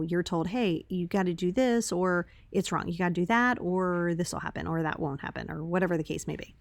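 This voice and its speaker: A woman's voice: medium pitch, darkish tone, dry recording. A woman hosting a podcast in casual, conversational solo talk, recorded on a laptop's built-in microphone that sounds tinny. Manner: chatty, conversational, rhetorical check-ins. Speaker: podcast host. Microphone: laptop microphone, with headphones on.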